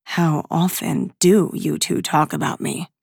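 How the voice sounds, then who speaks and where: A woman's voice: sits low, steady tone, measured pace, creaky, a little mellow, husky, no room sound, clean studio sound, full character voice. A woman doing an easygoing, gossipy young man. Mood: teasing.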